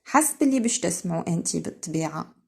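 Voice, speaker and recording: A woman with a Tunisian accent teaching a French lesson to young children, saying key words slowly and loudly and explaining quickly in between. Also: fairly low pitch, animated, vocal fry, husky. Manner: spells out syllables slowly and loudly. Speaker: primary school teacher.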